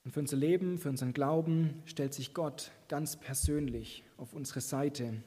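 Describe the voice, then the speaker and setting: Husky male preacher in a reverberant hall. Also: on the high side, normal speed, warm tone. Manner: earnest, encouraging, addresses listeners directly. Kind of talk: sermon.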